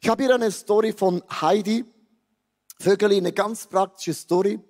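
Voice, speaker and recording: High-voiced Swiss German pastor in his fifties. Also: moderate pace. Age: 50s. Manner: animated, joking, switches between low quiet asides and raised exclamations. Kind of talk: sermon. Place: large church hall. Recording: long hall reverb.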